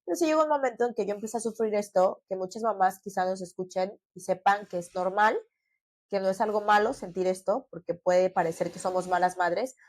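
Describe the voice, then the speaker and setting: A woman from Mexico co-hosts a casual podcast, telling her story in an earnest, chatty way with plenty of fillers. Her medium-pitched voice has a darkish tone and no echo.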